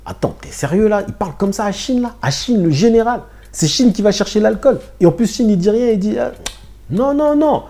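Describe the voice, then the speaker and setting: Man, casual slangy manga review, lively pitch, mellow warm tone. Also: brisk, hardly any pauses. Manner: animated, slangy, talks to viewers.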